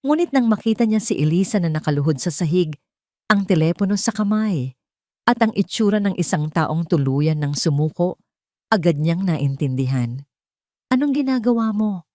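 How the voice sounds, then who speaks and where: A woman with a Filipino accent narrates a scripted dramatic story in a low-pitched, animated voice at normal speed. Her tone is a little mellow, and the studio-quality recording is dry.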